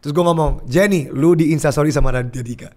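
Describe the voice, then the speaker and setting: With a slightly high voice and a fast delivery, a young podcast guest from Indonesia spins an animated story in casual conversation. He sprinkles English phrases throughout.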